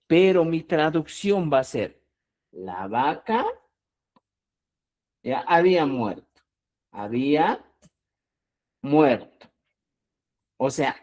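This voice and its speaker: Animated teacher quizzing the class. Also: medium pitch. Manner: asks the class rhetorical questions and answers them; stretches out key words for emphasis. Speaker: Quechua teacher. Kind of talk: live online language lesson.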